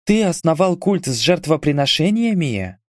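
A man's voice: on the high side, big pitch swings, moderate pace, dry recording, studio quality, voice pushed up. A man voicing a skeptical young woman accountant who asks pointed questions. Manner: displeased, questioning.

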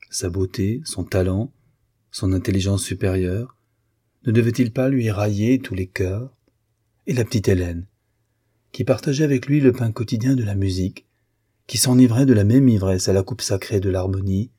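A man reads a classic novel aloud at a measured, literary pace. His voice is dark, mellow and a little husky. The recording is dry and close. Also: lowish voice, no room sound. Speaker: audiobook narrator. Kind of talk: scripted narration.

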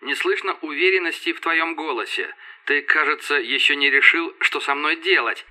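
A man doing a calm, teasing fleet commander. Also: on the high side. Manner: calm, unhurried.

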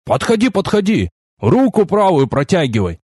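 A man's voice: sits high, very animated, normal speed, a little mellow, dry recording, clean studio sound, voice pushed up. A man voicing a wiry, fussy male army quartermaster who chatters eagerly, in a storybook reading.

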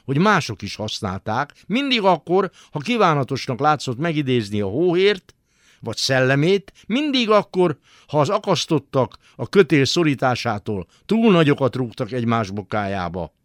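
A man reading a literary story aloud for radio in a radio studio, with dramatic, expressive delivery. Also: medium pitch, no room sound. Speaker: narrator.

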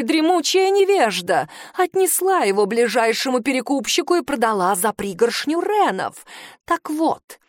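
A woman's voice: high voice, no echo, studio quality. A woman voicing a haughty aristocratic aunt who shrieks with venomous contempt, in an audiobook reading. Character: furious haughty aristocratic aunt, shrill and scornful.

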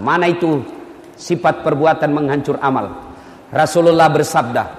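A man preaching a humorous sermon, joking and bantering with the congregation. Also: on the high side. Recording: echoey hall with faint background hum.

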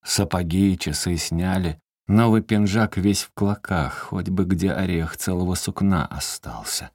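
A man reading a first-person story aloud in an expressive way, with his voice rising sharply in the quoted outbursts. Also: deep voice, measured pace, breathy edge, dry recording, clean studio sound. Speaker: audiobook reader.

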